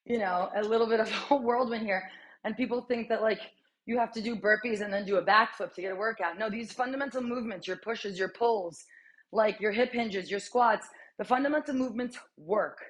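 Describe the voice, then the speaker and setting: A woman's voice: a little high, brisk. A woman in her thirties coaching a strength workout while exercising, chatty and encouraging, with sighs and short breaths between cues. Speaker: fitness coach.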